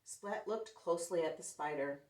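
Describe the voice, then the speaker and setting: A children's storyteller with a fairly low voice reads a picture book aloud at normal speed to young kids, expressively acting out the characters and asking her listeners questions. The microphone is distant and the room echoes.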